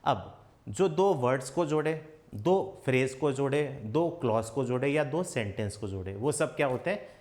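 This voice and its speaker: A man teaching English grammar in a coaching class. He keeps asking questions and answering them himself, and he says his English examples slowly. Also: mid-range voice, animated, a little mellow. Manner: slow, spelled-out English examples. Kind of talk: classroom lesson.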